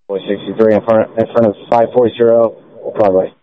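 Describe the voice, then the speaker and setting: A man's voice: on the low side, flat delivery, moderate pace. A male police officer in the field, calling in over a two-way radio in clipped, terse radio codes. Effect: heard over a two-way police radio. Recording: tinny two-way radio transmission, dry.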